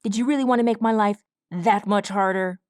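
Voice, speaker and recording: A woman's voice: medium pitch, normal speed, darkish tone, no room sound, lightly acted. Woman doing a storybook villain stallion, bearded, cruel, taunting and sneering, dry close sound. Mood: sneering menace.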